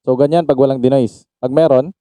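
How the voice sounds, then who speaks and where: A man's voice: mid-range voice, steady tone, brisk, dark tone, faint music behind. A man from the Philippines giving a casual product demo, chatting to viewers as "idol" and breaking into mic checks. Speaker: sound card reviewer and MC. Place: home facing a market.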